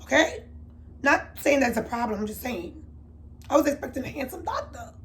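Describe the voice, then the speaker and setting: A woman telling a candid storytime to her viewers, chatty and confiding, swinging from loud emphatic bursts to low murmurs. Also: expressive, moderate pace. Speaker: beauty vlogger. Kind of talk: storytime vlog.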